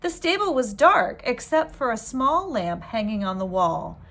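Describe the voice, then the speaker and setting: A woman reading a children's storybook aloud in an expressive, deliberate storytelling manner. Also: on the high side. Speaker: teacher reading a book aloud.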